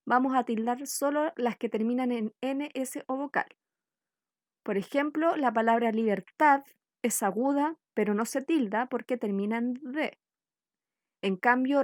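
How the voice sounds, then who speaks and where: A woman from Chile giving a scripted spelling lesson, reading out example words one by one in a slow, deliberate way. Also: sits high, no echo, clean studio sound. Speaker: workshop teacher.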